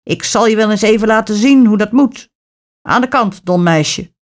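A woman doing a creaky wicked old witch. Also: mid-range voice, expressive, unhurried, natural voice. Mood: bossy. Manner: sugary, then gloating and bossy.

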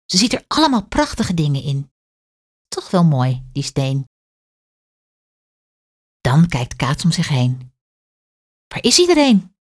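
A woman's voice: low voice, slow pace, pauses often. A woman, reading a children's story aloud expressively. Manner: clear, expressive read-aloud.

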